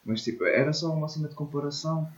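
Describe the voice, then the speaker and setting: A man's voice: on the high side, fast, lo-fi sound. A man in his twenties with a European Portuguese accent, chatting casually and informally with slang and swearing as a podcast co-host. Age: 20s. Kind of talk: casual chat.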